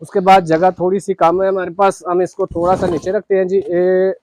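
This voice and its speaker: A man's voice: high-pitched, level tone, normal speed, darkish tone. A man, a shopkeeper chatting casually through a cookware demonstration, adding "ji" to his phrases. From Pakistan. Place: shop.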